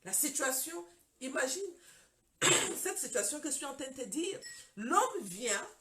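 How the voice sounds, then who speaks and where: High-voiced woman preacher telling her story. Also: sing-song, a little slow, bright, forceful tone, a little hiss or hum. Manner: dramatic storytelling, acts out dialogue. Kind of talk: testimony sermon.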